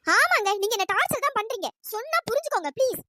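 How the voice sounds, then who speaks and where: A squeaky, bright cartoon college girl, rapid-fire scolding, fiery temper, dry close mic. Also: sing-song, no echo, full character voice. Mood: annoyed scolding. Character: fiery young female college student. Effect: pitch-raised voice. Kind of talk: cartoon voice acting.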